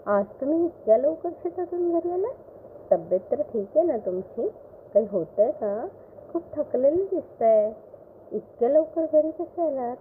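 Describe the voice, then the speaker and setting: A woman voicing an anxious, curious young village wife who keeps pleading and getting excited. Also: high-pitched, normal speed, pitched above the performer's own voice. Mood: worried. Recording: phone-like line with faint hiss.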